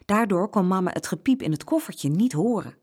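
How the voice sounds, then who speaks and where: Lively woman reading a children's story. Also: mid-range voice, a little fast, breathy edge.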